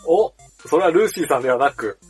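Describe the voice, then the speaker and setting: A man's voice: fairly high pitch, animated, fast, darkish tone, husky. A man hosting a casual podcast chat over a video call, laughing often and teasing the others. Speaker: podcast host. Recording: video call with music behind.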